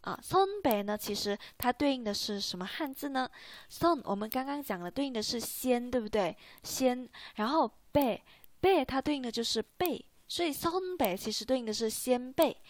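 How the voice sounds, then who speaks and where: A woman's voice: on the high side, lively intonation, a little fast, no echo. A woman teaching a beginner language lesson, patiently repeating words and often checking with "right?".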